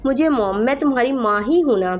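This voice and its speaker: A woman's voice: sits high, lively intonation, a little fast, slight background noise. A woman voicing a middle-aged mother who is anxious but firm and commanding, in a Hindi horror story reading.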